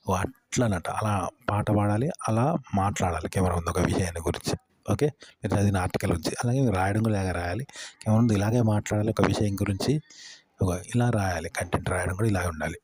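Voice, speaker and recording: A man's voice: fairly low pitch, darkish tone, slightly rough. A man explaining tips for talking on camera in a repetitive style, listing word after word and asking rhetorical questions. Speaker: YouTube tips presenter.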